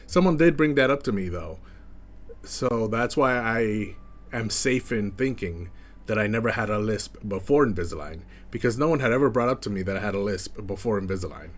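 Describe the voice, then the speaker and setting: A young man with a slight lisp chats casually as a first-time streamer, speaking in a flat monotone full of filler words. His voice is on the low side and his pace is moderate.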